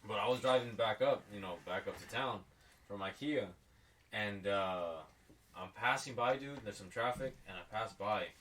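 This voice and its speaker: Low-voiced frat-bro man, off mic. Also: moderate pace, fairly bright tone, distant mic. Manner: frat-bro talk full of "bro", "dude" and swearing. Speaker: podcast co-host. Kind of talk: casual chat.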